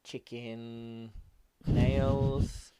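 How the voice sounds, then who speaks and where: A man's voice: medium pitch, level tone, very slow, warm tone, smooth, no echo. An English man co-hosting a podcast, bantering in a joking, self-deprecating way. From England. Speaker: podcast co-host. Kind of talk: casual podcast chat.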